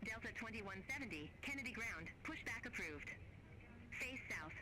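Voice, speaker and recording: High-pitched air traffic controller on radio , a man. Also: expressive, normal speed, poor audio. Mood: brisk, procedural. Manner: clipped, procedural phraseology. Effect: aviation radio.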